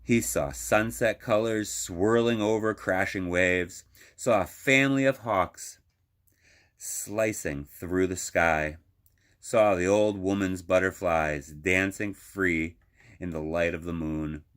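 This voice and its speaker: A man's voice: sits low, takes it slowly, fairly bright tone. A man reading a children's picture book aloud as a librarian would, expressively, drawing out phrases for emphasis.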